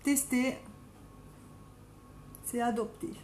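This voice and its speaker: A woman's voice: fairly even intonation, drawn-out words, a little mellow, a little hiss or hum. Chatty middle-aged woman with a Marseille accent. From Marseille, France. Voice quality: deep, strong voice. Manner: chatty, self-mocking, talks to viewers by name. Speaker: makeup live streamer. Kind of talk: casual live-stream chat while doing makeup. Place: home. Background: dogs playing now and then.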